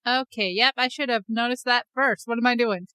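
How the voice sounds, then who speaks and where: A woman's voice: fairly high pitch, fairly quick, sharp tone, clean tone, no echo. A woman co-hosting a podcast, answering a spooky scenario with wry, joking pushback. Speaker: podcast co-host. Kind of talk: casual chat.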